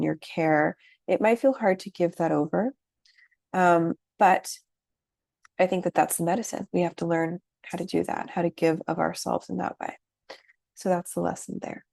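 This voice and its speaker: Gravelly, low-voiced woman teaching astrology. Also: dry recording, clean studio sound. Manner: gentle, reflective, with frequent fillers. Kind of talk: lecture.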